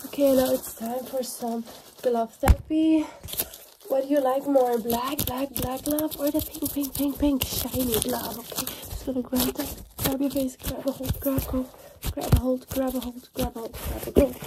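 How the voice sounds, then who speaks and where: A young woman with a high voice plays out a fast, soft-spoken ASMR role-play. She repeats words in quick strings. The recording is full of loud handling noise and clicks. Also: steady tone. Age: young adult. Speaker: ASMR performer.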